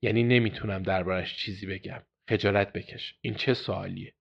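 A man voicing a weary, guarded woman in prison who answers quietly and evasively. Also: deep voice, steady tone, vocal fry, slightly rough, muffled recording, full character voice.

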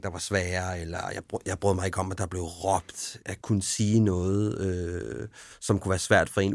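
Low male podcast host, probing and personal, dry close mic. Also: no room sound. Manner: personal, probing, brief affirmations. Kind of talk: reflective interview questions.

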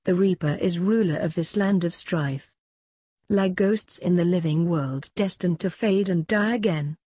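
Eine Frau, die eine sterbende, verängstigte Geisterfrau spricht und in Reimen rezitiert. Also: female voice, fairly low pitch, measured pace, warm tone, husky, no echo, clean studio sound. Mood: mournful. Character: frightened dying woman ghost.

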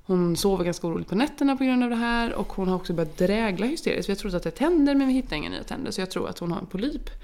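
A woman's voice: mid-range voice, lively intonation, hardly any pauses, darkish tone. A young woman telling a story in casual chat, acting out the dialogue she quotes. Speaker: podcast co-host.

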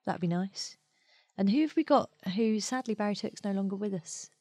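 A woman with a British accent co-hosting a podcast, chatty and enthusiastic, with quick asides. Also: medium pitch, lively intonation, warm tone, dry recording. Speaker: podcast co-host. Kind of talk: casual chat. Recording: dry studio.

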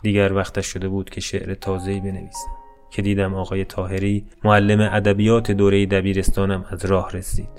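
Low, flat-voiced male storyteller. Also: clear, resonant tone, soft background music. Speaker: narrator. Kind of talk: scripted narration of a short story.

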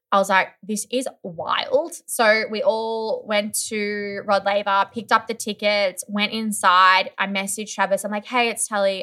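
A young woman chatting casually as a guest, telling a story animatedly with lots of "like" and acted-out voices. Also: medium pitch. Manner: animated storyteller, many "like"s, acts out others' voices. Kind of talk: casual chat.

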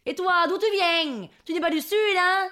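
Woman putting on brash bingo regulars, high, shouting banter. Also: fairly even intonation, fast talker, full character voice. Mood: teasing. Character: loud teasing southern French men at a bingo.

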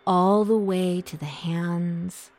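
A woman guiding a relaxation meditation in a soft, soothing voice that drops into a half-whisper. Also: fairly low pitch, steady tone, takes it slowly. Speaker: meditation guide. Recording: soft music behind the voice.

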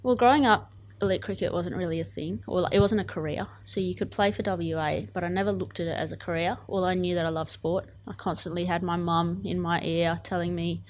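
In an interview as an athlete, a twenty-something cricketer chats with casual enthusiasm in an Australian accent. Born in Zimbabwe, she moved to Australia at eight. She speaks a little fast, her voice low-ish and steady in tone.

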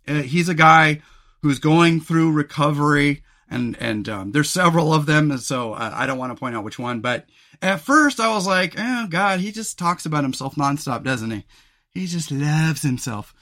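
A male podcast host talking alone in a rambling, reflective way, losing his voice and clearing his throat often. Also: fairly high pitch, sharp tone. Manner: rambling and reflective, many fillers and restarts. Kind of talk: solo podcast monologue.

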